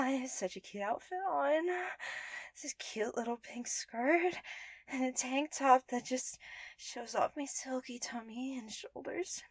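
A high, giggly anime-style young woman, breathy and pleading, with giggles breaking through, as a woman pitches her voice far up. The sound is dry and close. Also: dry recording. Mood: giddy. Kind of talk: intimate first-person audio roleplay.

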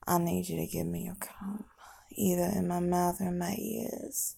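A woman doing a whispered ASMR hypnosis, speaking in a slow, soft, unvoiced whisper as she counts down. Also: on the low side, little pitch movement, vocal fry, slight background noise. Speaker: ASMR performer.

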